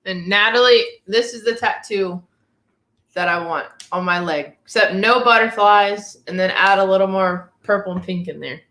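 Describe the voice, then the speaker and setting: A woman's voice: mid-range voice, moderate pace, fairly bright tone. A woman in her twenties co-hosting a casual live chat, blunt and chatty. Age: 20s. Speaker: co-host. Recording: roomy echo.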